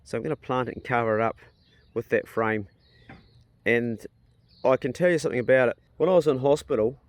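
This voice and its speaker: A man's voice: medium pitch, darkish tone, no room sound. A man with a broad New Zealand accent chatting casually to his vlog, plain-spoken and rambling as he thinks aloud. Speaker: vlogger and landowner. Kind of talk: casual outdoor vlog chat.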